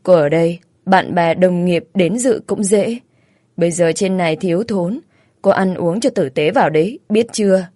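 A woman's voice: on the low side, normal speed, dark tone, no echo, clean studio sound, lightly acted. Woman voicing a bossy caring older mother-in-law. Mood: firm. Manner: bossy, practical, scolding kindly.

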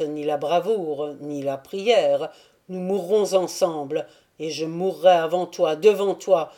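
A woman voicing a young male Cossack knight who speaks with vehement, loud passion, in an audiobook reading. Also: sits low. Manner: vehement, rising to loud declarations.

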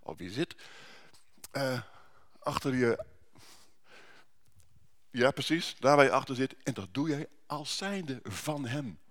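A man's voice: mid-range voice, animated, slow pace, pauses often, fairly bright tone. A male pastor giving a sermon at a church service, conversational, with rhetorical questions and frequent restarts.

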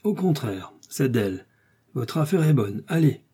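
A man's voice: mid-range voice, very animated, a little slow, warm tone, husky, voice pushed up. A man voicing a stern, suspicious police commissioner who interrogates in a storybook reading. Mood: accusing.

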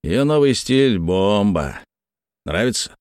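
A man's voice: fairly low pitch, sing-song, a little slow, darkish tone, smooth, dry recording, clean studio sound. A man voicing a gloomy male truck driver making offhand small talk. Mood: chatty.

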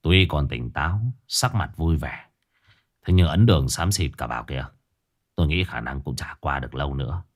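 A man voicing a stern, blunt male ghost-hunting master, with a low, curt, hushed delivery. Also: animated, moderate pace. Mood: grim.

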